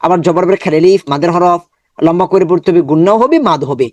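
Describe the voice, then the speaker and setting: A man's voice: sits high, quick pace, darkish tone, no echo, highs cut off. A man with a Bangladeshi Bengali accent teaching an online Quran reading lesson, drilling Arabic syllables one by one between explanations.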